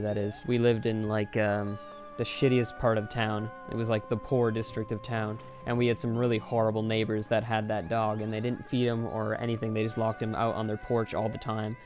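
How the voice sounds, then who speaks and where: A man's voice: fairly low pitch, a little mellow. A young man giving rambling, offhand, casual commentary over his own gameplay. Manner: rambling, offhand, self-deprecating. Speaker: Let's Play commentator.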